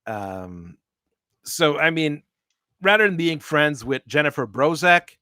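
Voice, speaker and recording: A man hosting a casual chat, talking in a rambling, halting way with frequent restarts. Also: a little high, sing-song, sharp tone, no room sound, clean studio sound. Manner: rambling, halting, laughs often. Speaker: host.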